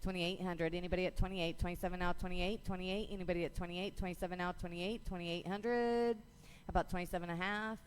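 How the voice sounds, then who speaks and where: A woman auctioneer calling bids in a rapid, rhythmic chant, repeating numbers over and over at a live auction. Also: fairly low pitch, steady tone, a little hiss or hum, poor audio.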